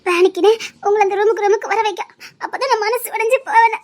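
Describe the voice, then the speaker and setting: Very high, quick, sobbing pleas from a weepy, jealous young lover. She keeps talking through tears in TV serial melodrama. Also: fairly even intonation. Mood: tearful pleading. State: crying. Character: young woman, jealous, clingy, weepy in love. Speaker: lovesick cousin in a TV serial.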